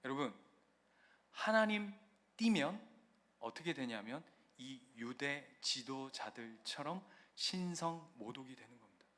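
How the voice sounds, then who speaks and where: Animated Korean pastor preaching. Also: male voice, medium pitch, measured pace. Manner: animated preaching, swings from loud emphasis to quiet storytelling. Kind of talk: sermon.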